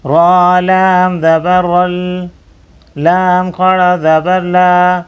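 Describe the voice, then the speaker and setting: Quran teacher with a high, smooth voice. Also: male voice, flat delivery, lo-fi sound. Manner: slow, drawn-out syllable-by-syllable drilling, quick plain explanations between. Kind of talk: Quran tajweed lesson, spelling out letters and reciting.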